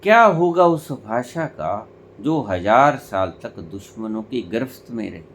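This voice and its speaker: Slow, animated male spiritual teacher. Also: medium pitch. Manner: emphatic, rhetorical questions, deliberate pauses. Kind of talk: spiritual discourse.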